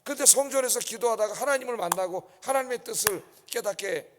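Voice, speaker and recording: This preacher's voice sits high and moves quickly, with noise in the background. He leads an early-morning sermon in a church sanctuary, forceful and frequently addressing the congregation directly. Long church reverb colors the sound.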